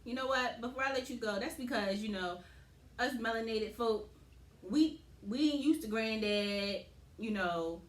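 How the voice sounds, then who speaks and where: A woman's voice: on the high side, measured pace, echoey room. A woman co-hosting a casual podcast, slangy and laughing, full of "you know what I mean". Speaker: podcast co-host.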